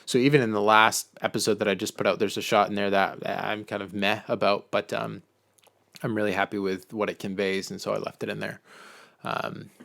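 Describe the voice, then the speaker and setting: A man's voice: fairly low pitch, flat delivery, brisk, vocal fry, fairly bright tone. A man hosting a casual live-stream Q&A on filmmaking, talking loosely with lots of "um" and "like" as he answers viewer questions from the chat. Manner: loose and chatty, full of "um" and "like".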